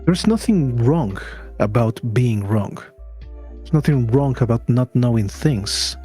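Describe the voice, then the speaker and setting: A man giving opinions in a casual discussion, deliberate and emphatic, repeating phrases to press his point. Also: mid-range voice, animated, mellow, husky. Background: background music.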